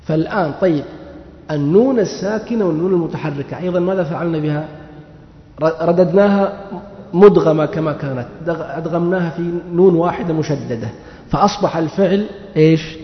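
A man's voice: on the high side, fairly quick. A man teaching a grammar lesson, asking questions and answering them himself, repeating key words. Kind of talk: classroom lesson. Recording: muffled echoey hall recording.

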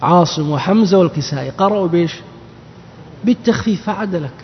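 Raised-pitch male teacher in a big hall. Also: normal speed, a little hiss or hum. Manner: explains patiently and quizzes the class with questions. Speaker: teacher of Quran exegesis. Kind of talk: religious lesson. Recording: dull recording with long reverb.

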